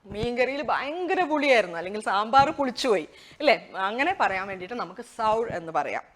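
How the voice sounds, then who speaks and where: A woman with a Malayali accent giving a chatty English lesson, laughing between explanations and slowing right down to model each word and sentence. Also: on the high side, expressive. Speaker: English teacher. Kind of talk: casual spoken English lesson.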